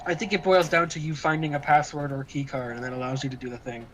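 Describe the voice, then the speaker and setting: A man's voice: mid-range voice, level tone, quick pace, fairly bright tone, slight background noise. A man chatting casually while gaming with a friend, tossing in dry joking remarks. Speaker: gaming co-host. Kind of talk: casual gameplay chat.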